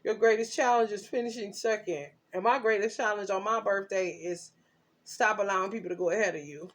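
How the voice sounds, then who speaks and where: A woman's voice: medium pitch, fairly quick. Woman ranting with heavy profanity. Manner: cursing, loud and emphatic, swings between shouting and muttering. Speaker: tarot reader. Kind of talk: rambling profane rant.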